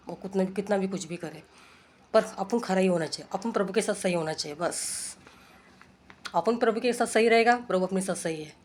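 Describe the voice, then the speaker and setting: A woman's voice: mid-range voice, darkish tone, a little hiss or hum. A woman delivers an informal sermon in an earnest, exhorting way. She repeats her points and keeps checking in with her listeners through rhetorical questions, as in a casual home talk. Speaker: preacher.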